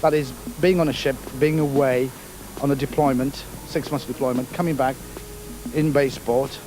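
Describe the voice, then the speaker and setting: Middle-aged man from kenya, navy officer, unhurried hesitant talk, mid pitch, music playing behind. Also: fairly even intonation, low-quality recording. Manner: unhurried, hesitant with many fillers. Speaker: navy chief petty officer, interviewee. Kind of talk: casual interview answers.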